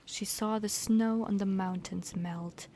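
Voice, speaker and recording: A woman streamer reads a bedtime story aloud slowly and unhurriedly, in English learned as a second language with a British-leaning accent. Her soft delivery often sinks to a gentle half-whisper, at a steady, middle pitch over a little hiss or hum.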